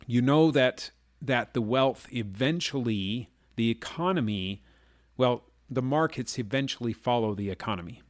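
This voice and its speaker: A man casually explaining markets and trading, pausing to ask "okay?" and "all right?" as he goes. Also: mid-range voice, expressive, no room sound, studio quality. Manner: explains slowly with frequent "okay?" and "all right?" check-ins. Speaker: market commentator. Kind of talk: casual finance chat.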